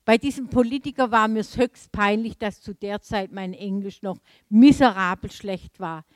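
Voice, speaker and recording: A woman from Germany giving a sermon, telling a personal story with laughing asides in a lively storytelling manner. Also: mid-range voice, normal speed, no room sound. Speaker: preacher.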